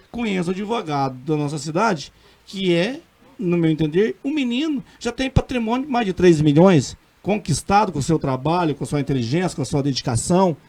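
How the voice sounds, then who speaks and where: On a radio interview, a middle-aged Brazilian man who serves as a city councilman speaks with a high, slightly mellow voice. His Minas Gerais accent is clear, and his earnest, emphatic talk is full of restarted sentences.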